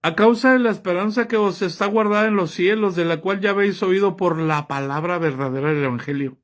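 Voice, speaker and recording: This man delivers a sermon at a fairly quick pace in a high-pitched voice. He reads scripture aloud, comments on it, and presses listeners with rhetorical questions.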